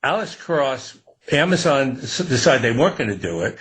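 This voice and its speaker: A husky, slightly breathy man chats loosely in an interview, circling back and restarting his sentences. His pitch sits in a mid range and his tone stays relaxed and offhand. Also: normal speed, low-quality recording. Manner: rambling, self-interrupting, chuckling. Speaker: guest author. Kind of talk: casual podcast interview.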